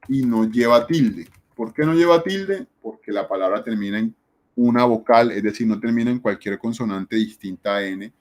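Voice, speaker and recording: A man teaching a spelling lesson, explaining step by step and asking questions, then answering them himself. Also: medium pitch.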